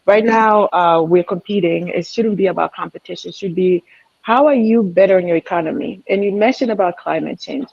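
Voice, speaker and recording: Earnest woman panelist, husky, on a muffled video call. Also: lowish voice, fairly quick, a little mellow, no echo. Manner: earnest, admiring, with many fillers. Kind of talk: virtual panel discussion. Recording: dull lo-fi video call audio.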